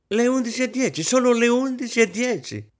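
A man reading aloud voices an anxious wealthy hostess, a woman who talks in a frantic, high-strung way. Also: very animated, fairly quick.

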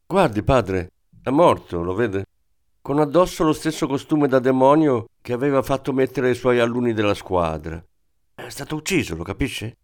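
A man's voice: mid-range voice, animated, normal speed, darkish tone, lightly acted. A man voicing a steely woman inspector. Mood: pressing. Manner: firm, controlled, pressing. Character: cool, insistent female police inspector.

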